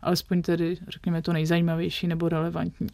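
Woman critic, interview guest, thoughtful and searching, flat delivery, close dry sound. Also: lowish voice, gravelly, no room sound. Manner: thoughtful, measured, searching for words. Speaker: literary critic and magazine editor.

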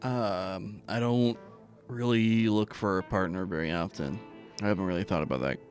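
A man's voice: low-pitched, moderate pace, faint music behind. A man narrating as game master, hesitant and full of fillers.

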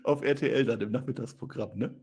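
A man's voice: fast, breathy edge. A man hosting a casual talk show, retelling a fantasy wrestling storyline and jumping into character voices. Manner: animated storyteller, jumps into high squeaky character voices. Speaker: podcast host.

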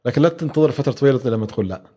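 A man speaks very quickly in an interview. His voice is dark and mellow. He stops and restarts often, with plenty of fillers between words. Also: mid-range voice, animated, breathy edge. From Oman. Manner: fast, hesitant, many fillers and restarts. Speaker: guest, venture capital expert. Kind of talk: conversational interview answers.

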